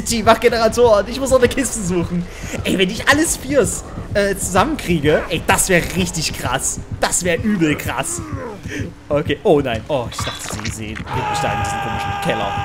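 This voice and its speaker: A young man commentating his own gameplay, excitable, with panicked yelps and English words mixed into his speech. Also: high voice, normal speed. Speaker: gamer. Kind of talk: let's play commentary. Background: game music.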